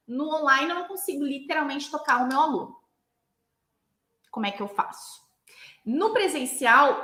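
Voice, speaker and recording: A woman's voice: high-pitched, sharp tone, roomy sound. A Brazilian woman, a Pilates instructor, explaining teaching technique and often checking in with "né?". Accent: Brazilian Portuguese. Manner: explanatory, with frequent "né?" tag questions.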